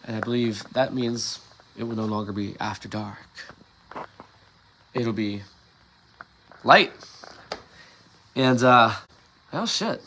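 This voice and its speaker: Casual stream host, man, bright voice, candid and profane, phone mic outdoors with faint ambient noise. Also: mid-range voice, takes it slowly, pauses often. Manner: candid, profane, meandering with many restarts. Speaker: livestream host. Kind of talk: casual rambling monologue. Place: outdoors in a suburban yard before dawn.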